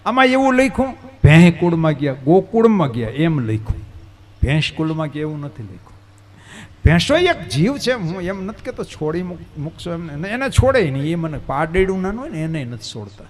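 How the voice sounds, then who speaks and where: Lively high-voiced preacher. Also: male voice. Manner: rhetorical, questions the crowd and answers himself; folksy, earthy examples. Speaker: Bhagavata katha preacher. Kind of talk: devotional discourse.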